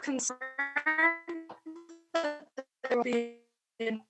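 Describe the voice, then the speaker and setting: A woman's voice: fairly high pitch, fairly even intonation, takes it slowly, soft background music. A woman reporter asking a question at a press conference over a video call, her audio choppy and breaking up so the words drop out. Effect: choppy, breaking-up online call audio.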